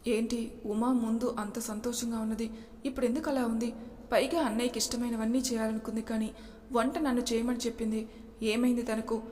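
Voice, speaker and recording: A woman's voice: on the high side, fairly even intonation, brisk, dark tone, close to an everyday voice. A woman voicing a caring young woman who fusses anxiously over a friend, with a long reverb on the recording. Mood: concerned. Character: caring young woman, worried sister-in-law.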